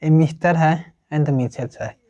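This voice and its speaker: Slow, repetitive grammar teacher. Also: mid-range voice, dark tone, highs cut off. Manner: slow, repetitive, checks with "ठीक है ना?" often. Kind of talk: classroom-style grammar lesson.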